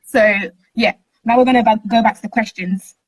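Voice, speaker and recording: A woman with a high voice hosts a relaxed online interview. She keeps it upbeat, laughs often and coaxes her audience to chime in. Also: a little fast, breathy edge, rough recording. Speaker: host.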